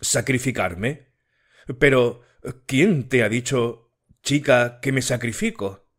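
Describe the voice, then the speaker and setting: A man's voice: mid-range voice, slow. A man reading a curt, evasive young suitor. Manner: curt, dismissive. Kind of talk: audiobook character reading.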